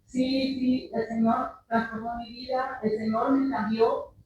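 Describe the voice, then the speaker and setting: A woman's voice: on the high side, flat delivery, unhurried, darkish tone, highs cut off, a little hiss or hum. A woman giving a personal testimony in church, speaking earnestly and calling her listeners brothers. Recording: echoey church hall from far off.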